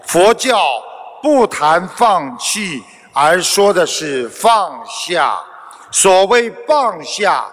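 Male Buddhist teacher, measured sermon delivery, slightly high voice. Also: sing-song, a bit bright, in a large hall. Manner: slow, measured, preaching. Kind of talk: sermon with a told parable.

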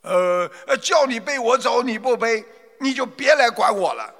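Man doing a hot-tempered merchant, shouting. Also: extremely high pitch, sing-song, in a large hall, voice pushed up, full character voice. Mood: irritated. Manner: loud, scolding, quick-tempered. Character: impatient stubborn male merchant traveler.

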